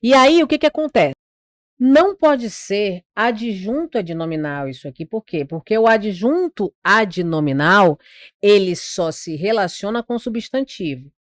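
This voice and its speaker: A woman's voice: medium pitch, animated, unhurried, no echo. Dry-voiced Brazilian woman teaching grammar. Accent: Brazilian Portuguese. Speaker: exam prep teacher. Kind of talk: online grammar lesson.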